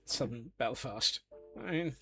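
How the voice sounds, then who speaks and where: A man's voice: medium pitch, measured pace, a bit bright, soft background music. A man from Scotland chatting casually on a live gaming stream, joking along with viewers and answering their questions. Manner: chatty and jokey, answering chat.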